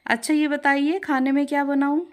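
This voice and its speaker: A woman's voice: sits high, fairly even intonation, normal speed, voice pushed up, close to an everyday voice. A woman voicing a cheerful young bride who talks fondly and coaxingly to her pet parrot. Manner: affectionate, coaxing.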